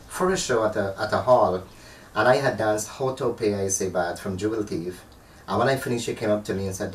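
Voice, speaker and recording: A man from Guyana, a dancer, chatting as an interview guest and telling stories with animation. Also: fairly low pitch. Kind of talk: casual interview chat. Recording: echoey room, far from the mic, faint noise.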